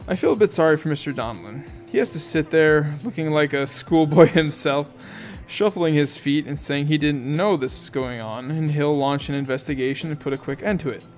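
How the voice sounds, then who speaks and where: A man with a slightly high voice reads a novel aloud in a relaxed, amateur audiobook style. He breaks off now and then for little asides and corrects himself as he goes. Soft music plays faintly behind him. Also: fairly quick, hardly any pauses. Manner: casual reading with asides and self-corrections. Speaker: audiobook reader.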